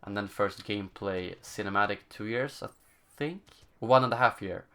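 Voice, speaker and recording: A young Swedish gaming channel host, speaking English as a second language with a Swedish accent, reads and answers viewer questions during a casual live stream Q&A. His somewhat low, slightly bright voice comes out loose and halting, full of fillers as he searches for words.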